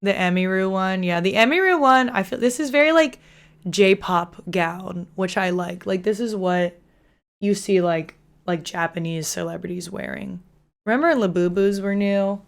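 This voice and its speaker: A woman's voice: mid-range voice, normal speed, creaky. Young woman streamer, casual rambling chat with lots of fillers and laughs. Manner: chatty, frequent "like" fillers, laughs while talking.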